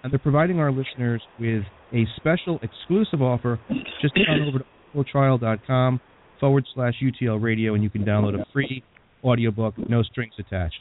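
A man's voice: medium pitch, a little fast. An American man hosts a radio interview in a conversational way. His mid-range voice sounds thin and phone-like, with some noise and clicking behind it. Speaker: radio show host. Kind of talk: conversational hosting. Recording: phone-like band with clear background noise.

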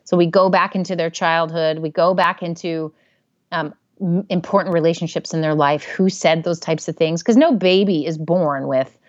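Woman therapist guest, lowish voice, animated and chatty, dull dry sound. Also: normal speed, no room sound. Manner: animated, acts out inner voices in quotes. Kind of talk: casual interview talk.

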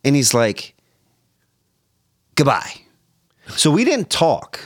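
In a relaxed storytelling interview, a former radio host speaking in a mid-range voice at normal speed brings a story to life by imitating the people on his quoted phone calls. The studio audio is clean with no echo.

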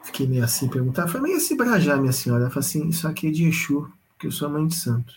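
Man telling his own story: animated, repetitive, casual. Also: fairly high pitch, very fast, a little hiss or hum, rough recording. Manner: animated, repetitive, addresses listeners directly. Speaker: storyteller sharing a personal spiritual experience. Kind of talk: casual spoken testimony.

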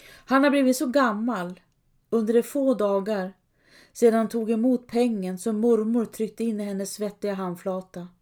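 A woman reading a dark folk tale aloud as narrator, in a measured, dramatic way. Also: fairly high pitch. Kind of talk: scripted storytelling narration.

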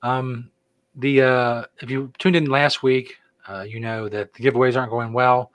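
Over a dry recording, a middle-aged man's mid-range voice barely moves in pitch as he talks at a moderate pace. As co-host of a casual podcast, he jokes easily and rambles through the announcements.

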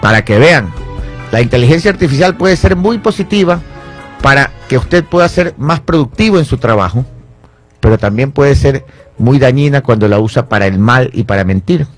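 A man hosting a casual gossip segment, animated and often mimicking what people say. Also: medium pitch, normal speed, soft background music. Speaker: host. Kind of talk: casual gossip and news chat.

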